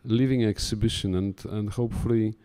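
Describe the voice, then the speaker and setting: A man's voice: on the low side, steady tone, a little fast, warm tone. A man addressing a talk audience in loose, chatty remarks full of stammering restarts. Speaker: curator in conversation. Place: talk room before an audience.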